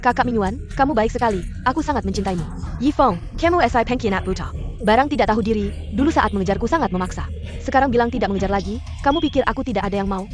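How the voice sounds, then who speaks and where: A woman's voice: on the high side, lively intonation, fast talker, faint music behind, close to an everyday voice. A woman dubbing a materialistic young woman who is cloying to her lover and spiteful about her ex. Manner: cloying sweetness, sneering in asides. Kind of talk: dubbed drama acting.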